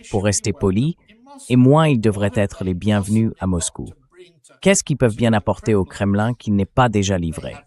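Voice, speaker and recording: A synthetic male dubbing voice, fairly low in pitch with a darkish tone, delivers political commentary. The delivery is measured and analytical, like a translated interview.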